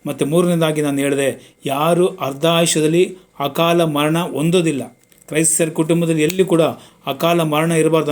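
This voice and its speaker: A man, a pastor preaching a sermon with repeated refrains and scripture references. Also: a little high.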